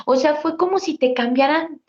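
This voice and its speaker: A woman tells a personal story in an earnest, vivid way, talking straight to her listener. Her voice sits a little high for a woman. The recording is dull and lo-fi. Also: normal speed, a little mellow. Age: 40s. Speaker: guest telling a paranormal experience. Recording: dull lo-fi audio.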